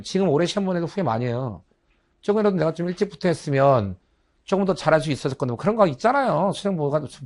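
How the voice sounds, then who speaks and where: A middle-aged man giving a lecture to exam students, chatty and joking, slipping into slang and acting out little dialogues. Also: on the high side. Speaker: biology instructor for transfer exam prep. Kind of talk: lecture with casual asides.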